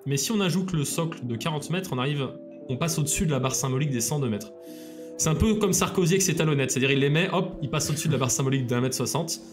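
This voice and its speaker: A man's voice: fairly high pitch, fast, over music. A man co-hosting a casual podcast, presenting a city guide in a hesitant way with many fillers, dropping in dry jokes. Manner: hesitant, lots of fillers and restarts; dry joking asides.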